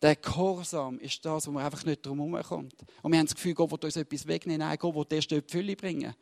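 A man's voice: on the high side, fairly even intonation, fast talker, gravelly, a little mellow. A man preaching and teaching from the Bible, emphatic and repeating his key words while speaking straight to his listeners. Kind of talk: fervent sermon with Bible reading.

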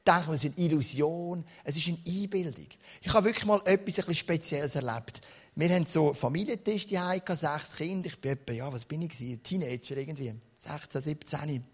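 A male preacher with a Swiss German accent delivers a sermon as animated storytelling. His voice sits slightly high for a man and swings between quiet, intimate passages and loud ones. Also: brisk, breathy edge.

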